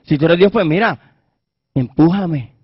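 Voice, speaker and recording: A preacher putting on God as a grave, patient man who speaks low and hushed. The sound is dull and dry, as in a lo-fi sermon recording. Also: measured pace, husky, no echo.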